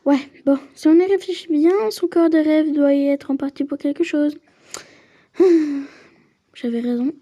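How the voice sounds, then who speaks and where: A woman reads a story game aloud, moving easily between first-person narration and chatty side comments. Her voice is high but very mellow and warm, with no edge to it. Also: fairly even intonation, a little slow, pauses often. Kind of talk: casual playthrough with read-aloud narration.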